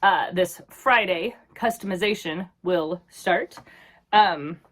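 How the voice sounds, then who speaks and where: A woman's voice: on the low side, slow pace, a bit bright. A woman in her thirties from New York, chatting casually about her picks with a nasal, stuffy voice from a head cold. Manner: chatty, rambling with many likes. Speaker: YouTube vlogger. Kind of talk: casual chat.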